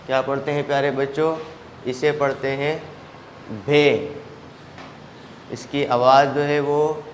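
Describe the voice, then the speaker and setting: A man from Pakistan teaching a children's language lesson, sounding out letters slowly and praising the class after each one. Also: mid-range voice, slight background noise. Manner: slow, drawn-out letter sounds with steady praise. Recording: echoey room, faint ambience.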